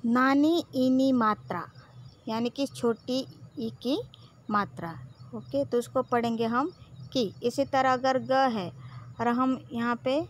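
A woman's voice: a little high, steady tone, takes it slowly, a little hiss or hum. A woman teacher with a Gujarati accent who patiently drills syllables one by one, saying "okay" often. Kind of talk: slow classroom lesson.

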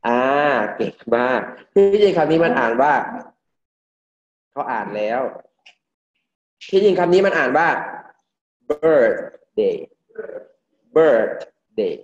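A man from Thailand teaches English pronunciation in a classroom, with a fairly high voice. He drills each word at an unhurried, deliberate pace and repeats it for his students. The recording is dull and lo-fi. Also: lively intonation.

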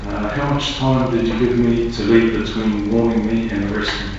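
A man questioning a witness in cross-examination as a self-represented defendant, in a halting way that repeats words. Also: lowish voice, little pitch movement, a little mellow. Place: large reverberant courtroom, far from microphone. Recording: echoey distant courtroom recording, muffled, background hiss.

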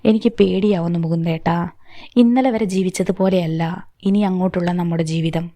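A woman voicing a frightened, devoted wife who speaks anxiously, in a warm, dry reading. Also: on the low side, steady tone, normal speed, no echo, lightly acted. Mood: fearful.

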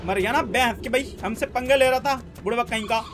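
A young man from India giving excitable, casual gameplay commentary, talking to himself and his in-game creature with frequent exclamations. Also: extremely high pitch, fairly quick, over music. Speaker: gaming YouTuber.

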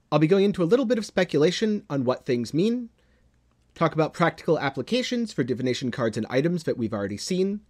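A man hosting a gaming channel, giving scripted news commentary in a measured way, dropping low and dramatic at the ends of phrases. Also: a little mellow. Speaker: gaming video host.

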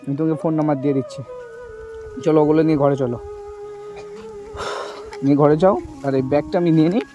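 A man who talks to a young woman in a gentle, reassuring way and keeps asking "okay?". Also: fairly high pitch, fast talker, pauses often. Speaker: charity video host. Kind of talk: staged outdoor conversation. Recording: dull lo-fi sound with music behind. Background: background music.

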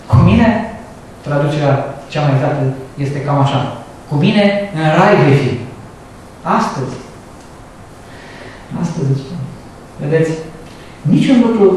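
A man's voice: on the high side, darkish tone, a little hiss or hum. A man preaching a sermon in a church, talking conversationally and asking the congregation rhetorical questions. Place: church sanctuary. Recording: echoey church from a distance.

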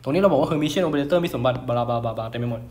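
A man's voice: on the high side, fast, darkish tone. A young man tutoring physics in a casual, chatty way, often checking in with his listeners. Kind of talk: casual lecture over a whiteboard. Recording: roomy echo.

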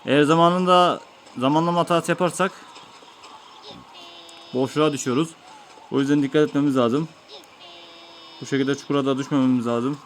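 A man's voice: fairly high pitch, fairly even intonation, brisk, long pauses, slight background noise. A man giving let's-play commentary, patiently explaining each step of an old game to his viewers. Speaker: gaming YouTuber.

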